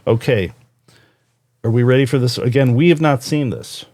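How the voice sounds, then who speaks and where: A man's voice: medium pitch, a little mellow, dry recording. Dry-voiced joking male podcast host. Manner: playful, teasing, halting. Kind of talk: casual chat.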